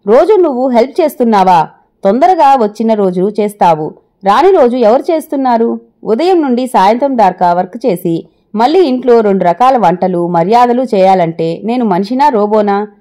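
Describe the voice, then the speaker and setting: A stubborn young working wife argues back with indignant force, as a woman narrator reads her part. The voice is mellow and fairly high. It comes across as a spoken audio story. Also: expressive, moderate pace, lightly acted.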